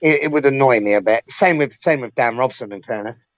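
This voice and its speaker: A man's voice: mid-range voice, fairly quick, no echo. A man co-hosting a casual rugby podcast, speaking emphatically and stumbling on the first words of his sentences. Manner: emphatic, stammers at starts. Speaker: podcast co-host. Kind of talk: casual chat. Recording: dry, dull sound.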